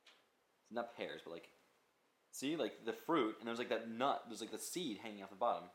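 Young male podcast co-host, low voice, loose rambling delivery, echoey room. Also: lively intonation, moderate pace. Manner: rambling, swears freely, lists things off. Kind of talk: casual chat. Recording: roomy echo.

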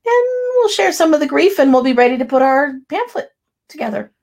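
Woman therapist co-host, wry and supportive, with a gravelly voice. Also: high voice, very animated, fairly quick, darkish tone. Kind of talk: casual conversation.

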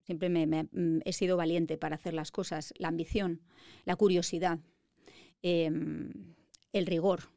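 A woman's voice: lowish voice, little pitch movement, a little slow, gravelly, dark tone, dry recording, studio quality. Confident Spanish woman in her fifties. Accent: Madrid Spanish. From Spain. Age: 50s. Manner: confident, articulate storytelling. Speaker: guest, lawyer. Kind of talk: interview conversation.

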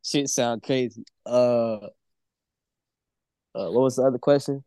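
A man with a relaxed, mid-pitched voice chats as a guest artist in a dry-sounding recording. His casual storytelling is thick with slang, swearing and "bro". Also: measured pace, clean tone, no echo. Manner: heavy slang and constant swearing; says "bro" constantly. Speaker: podcast guest, music artist.

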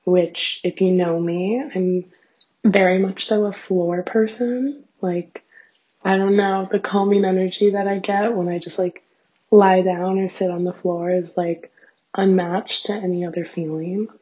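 Young woman with raspy vocal fry. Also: medium pitch, steady tone, measured pace, mellow. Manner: rambling, self-deprecating, filler-heavy with frequent "like". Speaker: host of a personal audio diary. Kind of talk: casual chatty solo diary. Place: small bathroom at home, sitting on floor. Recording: dull, lo-fi home recording.

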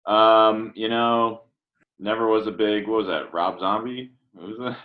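A lower-voiced man, laid back and easygoing, chatting on a podcast. His audio is a bit dull and lo-fi, missing its top end. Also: fairly even intonation, measured pace. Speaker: podcast co-host. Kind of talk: casual chat. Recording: dull, lo-fi sound.

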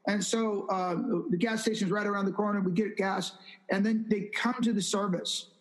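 A man's voice: sits high, moderate pace, poor audio. A man, an evangelist, telling a testimony in an interview, with emphatic, repetitive phrasing. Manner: animated storyteller who acts out quoted speech. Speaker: evangelist guest.

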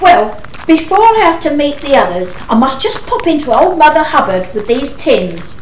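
A woman playing a kindly neighbour who repeats herself loudly and slowly to a deaf friend. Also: high voice, sing-song, echoey room, a little hiss or hum, poor audio. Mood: patient. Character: kindly neighbour woman, patient but exasperated.

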